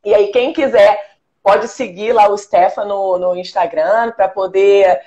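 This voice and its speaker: A woman's voice: mid-range voice, fairly even intonation, a little slow, dark tone. A woman hosting a casual live chat, friendly and chatty as she thanks her guest. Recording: dull lo-fi sound.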